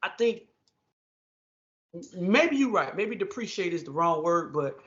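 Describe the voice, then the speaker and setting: A man with a strikingly high voice gives his views in a measured, agreeable way, pausing to search for words. The sound is dull and lo-fi. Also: very animated, a bit bright. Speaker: podcast co-host. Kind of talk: casual podcast discussion. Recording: lo-fi muffled audio.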